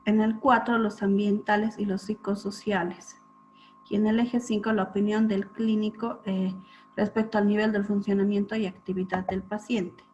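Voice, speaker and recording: A woman lecturing students on clinical topics, explaining step by step and often checking in with a quick question. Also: medium pitch, flat delivery, a little mellow, faint music behind. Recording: dull lo-fi recording with faint hum.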